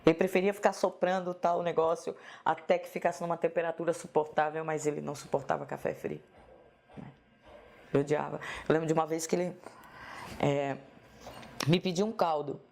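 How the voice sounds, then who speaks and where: Soft-spoken Northeastern Brazilian woman. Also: low voice, steady tone, vocal fry. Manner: soft-spoken, unhurried, tags phrases with "né?". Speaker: writer interviewed in a documentary. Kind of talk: reflective personal reminiscence.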